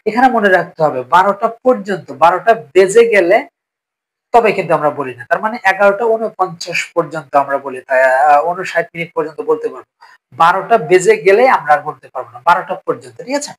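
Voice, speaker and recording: Man teaching English, slow and repetitive. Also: high-pitched, animated, rough recording. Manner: explains slowly, repeats phrases, often asks "ঠিক আছে?". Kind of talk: spoken English lesson.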